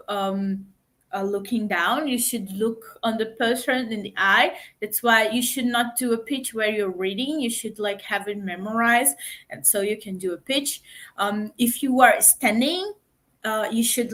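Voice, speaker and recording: A woman coaching people on giving pitches, with many fillers and halting restarts, speaking as an over a video call. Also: pushed and bright. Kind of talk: online talk on pitching.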